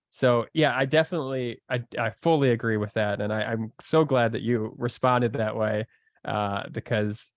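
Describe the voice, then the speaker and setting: A man's voice: medium pitch, no echo, studio quality. A man talking as a podcast guest in casual conversation, earnest and searching for his words with many fillers.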